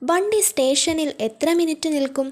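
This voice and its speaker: An impatient male passenger, voiced by a woman reading a novel aloud, pressing and restless, in a high voice. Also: normal speed, close to an everyday voice.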